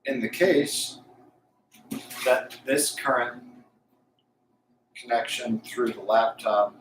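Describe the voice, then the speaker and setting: A man live streaming casual, unscripted talk, thinking aloud haltingly as he tests a Bluetooth mic. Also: medium pitch. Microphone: Bluetooth lapel mic. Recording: echoey, distant Bluetooth mic, faint noise.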